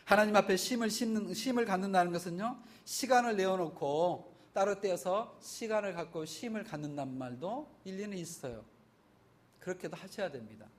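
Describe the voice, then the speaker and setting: A male pastor delivering a Sunday sermon in a notably high voice. He preaches emphatically, rising to loud peaks and then dropping to soft, trailing phrase endings. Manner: emphatic, swinging between loud surges and soft, drawn-out endings.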